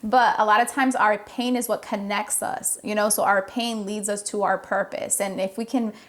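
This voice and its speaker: A woman's voice: medium pitch, flat delivery, normal speed, a bit bright. A woman, openly and earnestly telling her life story as a podcast guest. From Providence, Rhode Island. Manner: open, earnest, reflective. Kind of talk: casual personal storytelling.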